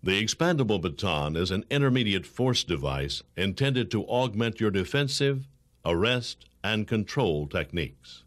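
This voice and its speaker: This is training narration from a script, voiced by a low-pitched American man. He stays formal and authoritative, pacing each instructional sentence carefully while his intonation rises and dips with energy.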